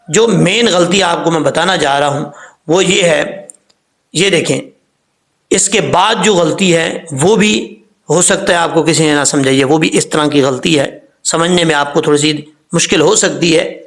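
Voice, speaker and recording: A man with a Pakistani accent teaching Quran recitation, explaining quickly, then drawing out recited words and spellings slowly. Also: a little high, vocal fry, a bit bright.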